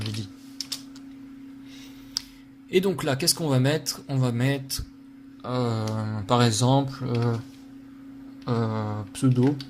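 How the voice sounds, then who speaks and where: Background noise sits under this man's mid-range voice as he teaches coding informally at his computer. He thinks aloud, leans on many fillers, and jokes about his own errors.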